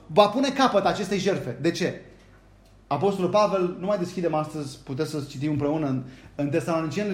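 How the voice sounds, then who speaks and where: A man preaching a sermon, reading scripture aloud and often turning to the congregation with a quick rhetorical question. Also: fairly high pitch, reverberant. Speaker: pastor. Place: church hall.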